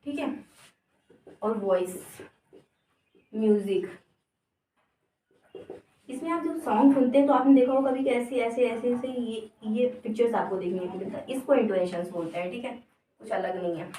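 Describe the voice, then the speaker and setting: A woman teaching an exam-prep lesson, explaining slowly and often checking that her students follow. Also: fairly high pitch, dark tone, a little hiss or hum. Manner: explains slowly, repeating words and checking understanding with "theek hai". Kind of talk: exam-prep lesson in mixed Hindi and English. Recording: echoey room, voice from a distance.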